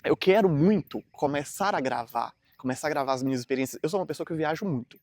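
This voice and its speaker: A man's voice: on the high side, fast talker, a little mellow. A man, talking casually and earnestly to camera in a rambling motivational vlog full of fillers. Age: 30s. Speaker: vlogger.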